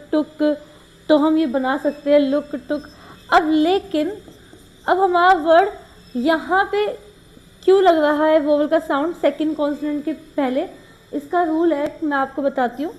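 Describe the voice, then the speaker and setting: A woman's voice: high voice, moderate pace, a little mellow. A woman teaching shorthand, explaining rules step by step and mixing English terms into Hindi. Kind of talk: classroom lesson.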